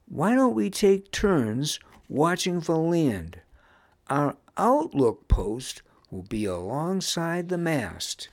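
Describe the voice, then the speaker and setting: A kindly male guardian from a storybook, as a man puts him on, who soothes and encourages the children around him. His voice is raised and mild, and it moves slowly and patiently. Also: on the high side, sing-song, voice pushed up, full character voice. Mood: encouraging. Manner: gentle and reassuring.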